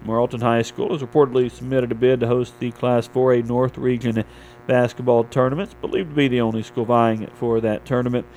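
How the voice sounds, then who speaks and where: Guy reading local radio news, sports and weather, medium pitch, some hum in the background. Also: flat delivery, a little fast, darkish tone, low-quality recording. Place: radio studio.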